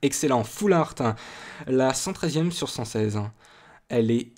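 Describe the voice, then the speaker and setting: A man's voice: medium pitch, expressive, measured pace, darkish tone. A man hosting his own video, chatting casually as he opens trading-card packs, rambling, listing card names and making self-deprecating asides. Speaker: YouTube card-opening host. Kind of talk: casual booster-opening commentary.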